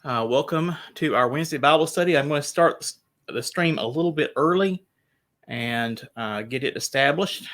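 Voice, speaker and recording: Male pastor, casual rambling livestream talk, bright edgy tone. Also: a little high, moderate pace. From United States. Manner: chatty and rambling, with restarts and laughs. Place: small church parlor room.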